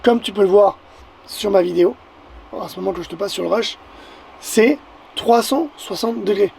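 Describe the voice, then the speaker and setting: An excitable Québécois man speaks in a high, raspy-edged voice with plenty of vocal fry. He talks casually to his viewers as a photographer, stumbling and repeating words as he goes. Faint background noise sits under his voice. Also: normal speed. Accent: Québécois French. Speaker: photographer and vlogger. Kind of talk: casual vlog narration to the viewer.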